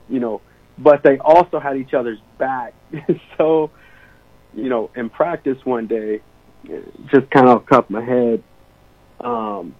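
A man's voice: mid-range voice, slightly rough, dry recording. A young man, an assistant basketball coach, telling stories casually in an interview, with many fillers. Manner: animated storyteller, many fillers. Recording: tinny phone-line sound.

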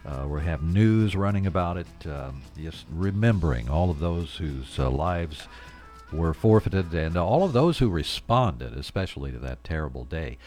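Guy with a low deep voice doing local radio news and hosting. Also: animated, moderate pace, a little mellow, faint music behind. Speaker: radio host and newsreader.

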